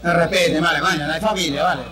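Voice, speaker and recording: A man's voice: a little high, steady tone, fast. A man with a Venezuelan accent doing crude, chatty live stand-up comedy on stage. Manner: brash, crude, chatty storytelling with the crowd. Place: stage before a live audience. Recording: live show with crowd noise.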